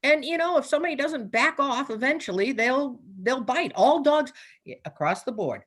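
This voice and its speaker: A woman's voice: high voice, lively intonation, moderate pace, fairly bright tone. An older woman, a guest animal communicator chatting in an interview, telling stories and laughing often. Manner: chatty storyteller, laughs often, plays out her animals' thoughts. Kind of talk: casual interview chat.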